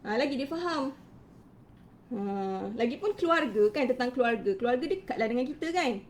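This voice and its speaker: A Malaysian woman teacher with a high, bright-sounding voice, talking through a casual live-stream lesson. She chats loosely and fills her sentences with quick interjections as she goes. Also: expressive, a little hiss or hum.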